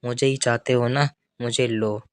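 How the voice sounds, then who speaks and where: A man's voice: mid-range voice, steady tone, normal speed, smooth, dry recording, clean studio sound, natural voice. A man reading the part of a young married woman, bold and intense, in an audiobook, with an earnest, insistent delivery.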